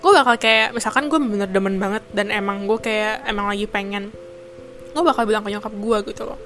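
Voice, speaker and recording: A woman's voice: mid-range voice, fairly even intonation, fairly quick, fairly bright tone, faint music behind. A young woman from Indonesia, chatting casually to camera, full of fillers and bits of English. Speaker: vlogger.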